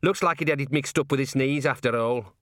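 A man's voice: medium pitch, fairly quick, dry recording, studio quality, voice pushed up, natural voice. A man voicing a tiny, cocky male gnome rat catcher, breezy and matter-of-fact. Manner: cheerful, matter-of-fact, laconic.

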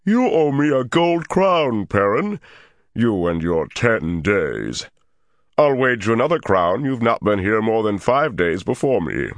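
A man voicing a huge, gentle, excitable male Ogier in an audiobook, with a rumbling, earnest delivery and lively swings in pitch. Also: a little slow, no echo. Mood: boastful. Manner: earnest, flustered. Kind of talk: audiobook character voice.

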